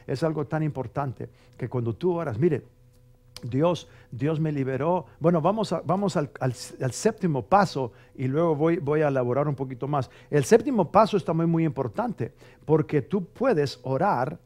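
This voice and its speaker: Emphatic male pastor, fairly high voice. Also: expressive, moderate pace. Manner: emphatic, conversational, with frequent rhetorical tags; mimics dramatic prayer voices loudly for effect. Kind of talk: television sermon.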